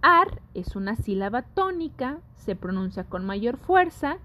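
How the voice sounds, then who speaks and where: A woman teaching a scripted lesson, speaking deliberately and putting questions to her audience. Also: fairly high pitch, big pitch swings, sharp tone.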